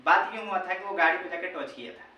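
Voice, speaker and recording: A male teacher retells a story to students in a chatty way, repeating himself and checking in with his listeners. His high, expressive voice is quick, bright, and forceful, but the audio is dull, recorded far from the mic in a very echoey room with faint background noise.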